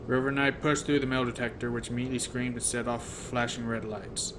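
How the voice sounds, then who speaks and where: With noticeable background noise behind him, a male audiobook reader moves fast through a first-person novel in a medium-pitched voice that shows little pitch movement. He sometimes stumbles and rereads phrases.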